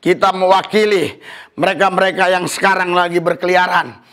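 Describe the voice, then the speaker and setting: A man preaching a fervent sermon as pastor, often calling out hallelujah and rising to exultant shouts. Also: sits high, fairly even intonation, normal speed. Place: church service.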